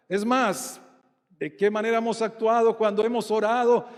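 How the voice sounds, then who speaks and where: A Colombian pastor preaches a sermon in a fairly high, slightly mellow voice, taking his time and repeatedly putting questions to his congregation. His words ring out in a church hall with a long reverb.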